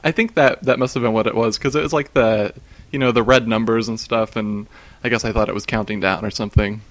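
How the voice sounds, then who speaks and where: A man's voice: lowish voice, steady tone, quick pace. A man in casual chat, recounting strange dreams and often breaking into laughter. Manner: laughs often while telling, many fillers.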